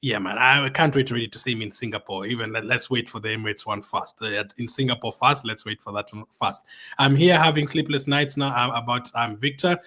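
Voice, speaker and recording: Excited man hosting a fan live stream. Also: mid-range voice, fairly quick. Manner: excited and chatty, with frequent "um" and "man". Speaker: fan channel host. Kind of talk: live stream, reading viewer comments aloud.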